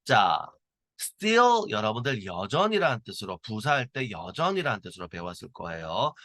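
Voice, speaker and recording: A middle-aged man teaching high school English grammar in a recorded lecture, explaining at length and reading English lines slowly to show pronunciation. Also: bright, forceful tone, no room sound.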